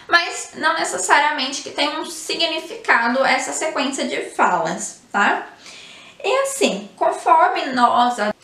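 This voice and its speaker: A high-pitched woman explains a topic step by step in a patient, teacherly way. Her voice is bright and clear, and it rings in a noticeably echoey room. She keeps checking in with short tags as she talks. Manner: explains patiently, ends phrases with "tá?" and "né?". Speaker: psychologist. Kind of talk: educational explainer.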